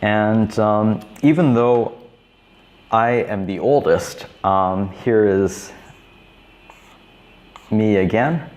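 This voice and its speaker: A man in his thirties teaching beginner English, repeating each simple phrase slowly and clearly. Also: on the low side, a little mellow. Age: 30s. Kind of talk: slow, repetitive teaching for beginners.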